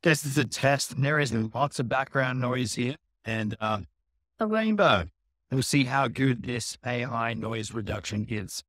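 A man's voice: mid-range voice, lively intonation, a little slow, a bit bright, no room sound, faint music behind. A man doing a casual test recording outdoors by the ocean, played back after AI noise reduction that leaves artifacts and a slightly robotic sound. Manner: plain, offhand sound-check talk. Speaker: video tutorial host. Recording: processed clip, dry and distant.

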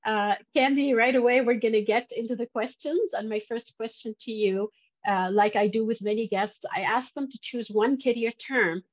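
Speaking at a moderate pace with a fairly high pitch, a middle-aged woman chats with a guest she's interviewing as host. The conversation happens over a video call from inside a room, so the sound is muffled and band-limited.

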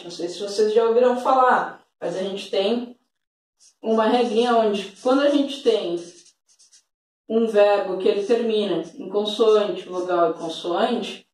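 A woman's voice: a little high, darkish tone, distant mic. A woman teaching an English grammar lesson, patient and full of diminutives, checking in often with tag questions. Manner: fond of diminutives. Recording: very echoey room, voice off the mic.

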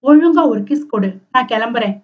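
A woman reads a spirited young heroine with a high voice, teasing and quick to scold. The sound is a little dull and lo-fi, like a simple home audiobook recording. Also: lively intonation, distant mic, natural voice. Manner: teasing, sharp retorts.

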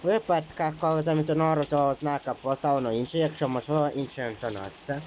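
A man of middle pitch gives an exam-prep lesson. He reads each rule and then explains it in a loose, filler-heavy way. The recording is a little dull, and faint rain is heard behind him. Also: rapid-fire, noisy background. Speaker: teacher.

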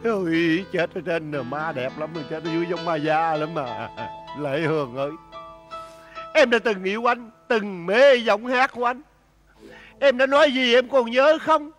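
A man, lamenting in a melodramatic, exaggerated comic style. He talks at an unhurried pace, and instrumental music plays clearly behind him. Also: sits high, a bit bright. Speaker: comic actor. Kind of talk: comedy sketch dialogue.

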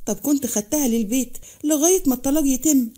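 A woman's voice: sits high, fast talker, warm tone, pitched above the performer's own voice, close to an everyday voice. A woman voicing an anxious young male friend with an Egyptian accent, speaking urgently and asking questions. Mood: worried. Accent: Egyptian Arabic.

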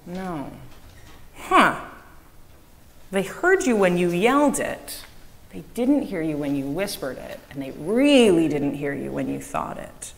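A woman's voice: fairly low pitch, unhurried, vocal fry. Woman leading a children's message in church. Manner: lively, coaxing questions to children, repeating their answers. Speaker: director of faith formation giving a children's message. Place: church sanctuary with a choir. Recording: long church reverb, faint room noise.

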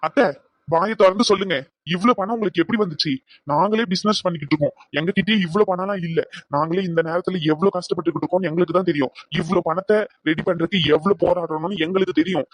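A man's voice: high voice, fairly even intonation, dry recording. A man voicing a stern adult son in a cartoon, who demands answers firmly. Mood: demanding. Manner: firm, demanding, quick. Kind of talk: cartoon voice acting.

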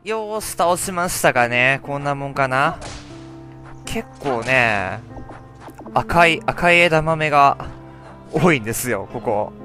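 A man's voice: medium pitch, expressive, slow pace, pushed and bright. A young man giving chatty let's play commentary, talking to himself as he plays. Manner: chatty, talks to himself while playing. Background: faint game music.

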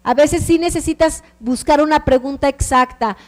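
A woman's voice: high-pitched, moderate pace, long reverb tail. A woman with a Mexican Spanish accent teaching a computer class, explaining step by step and often checking that the students follow.

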